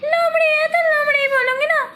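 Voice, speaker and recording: A woman's voice: extremely high pitch, steady tone, normal speed, bright, forceful tone, a little hiss or hum. A woman voicing a proud, hot-tempered young sister who scolds and threatens everyone in a homemade comic family sketch. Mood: scolding.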